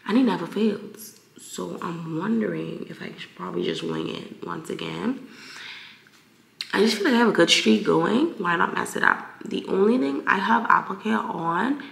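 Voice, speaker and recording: A woman's voice: on the low side, gravelly, a bit bright. A young woman vlogging casually at home, chatty and candid, with a groggy morning voice. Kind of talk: casual vlog chat. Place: home, indoors. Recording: roomy home echo.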